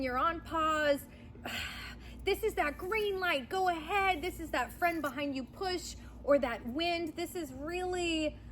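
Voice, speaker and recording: A woman giving a pick-a-pile card reading in an enthusiastic, chatty way that sometimes gets loud and rowdy. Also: sits high, a little hiss or hum. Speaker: tarot card reader.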